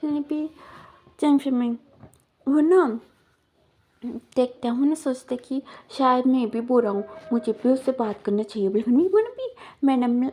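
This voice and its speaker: Woman retelling a story casually, lots of fillers, high pitch, mellow kinda husky voice. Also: fairly even intonation, a little slow, long pauses. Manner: rambling, full of repeated fillers.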